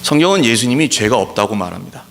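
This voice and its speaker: A man preaching a sermon as pastor, pressing his points with emphatic rhetorical questions and slowing down to stress key words. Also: mid-range voice, sing-song, creaky. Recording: long hall reverb.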